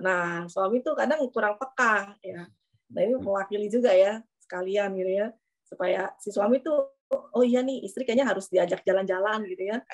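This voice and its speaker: A woman hosts a church program and answers her guest in a chatty, affirming manner, often ending her sentences with tag questions. Her voice sits in a middle range. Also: medium pitch. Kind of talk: casual chat.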